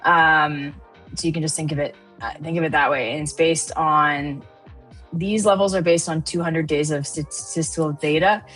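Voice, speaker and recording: A woman's voice: deep voice, steady tone, moderate pace, fairly bright tone, soft background music, rough recording. A woman with an Upper Midwest American accent, hosting live market commentary in a chatty way with many fillers. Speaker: trading show host.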